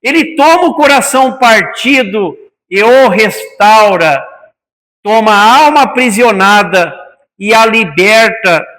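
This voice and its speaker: In a meeting hall with long reverb, a spiritist lecturer with a Brazilian Portuguese accent addresses the audience as brothers and poses many rhetorical questions. His voice sits high and sounds fairly bright, animated yet slow.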